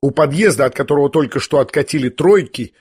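A man narrating a classic novel in an expressive, dramatic reading. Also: a little high, fast talker, husky. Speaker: audiobook narrator. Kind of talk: scripted literary narration.

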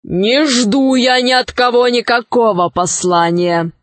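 A woman voicing an unhurried, smug many-headed dragon with a slow, drawling manner. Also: on the high side, dry recording. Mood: gruff.

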